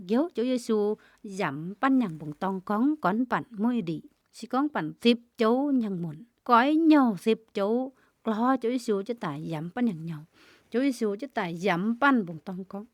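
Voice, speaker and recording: A woman's voice: fairly high pitch, no room sound. Woman preaching in rhythmic repeated phrases. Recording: dull, dry lo-fi recording.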